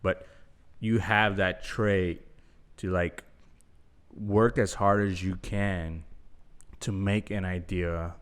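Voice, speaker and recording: Man, low voice, podcast host, relaxed, rambling chat. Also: slow, clean tone. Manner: relaxed and rambling, many fillers. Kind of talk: casual podcast conversation.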